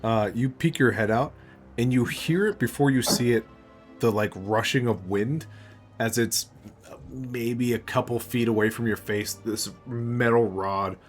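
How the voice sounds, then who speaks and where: A man narrating as game master in a tabletop game, relaxed with many filler words. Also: medium pitch, unhurried, soft background music. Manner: relaxed, full of ums and uhs.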